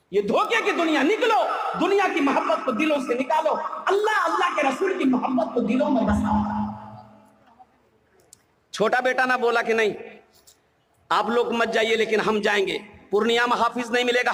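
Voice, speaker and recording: A man preaching, telling a humorous story in a sermon and acting out the voices of its people. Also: very high voice. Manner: animated, acts out voices, shouts at times.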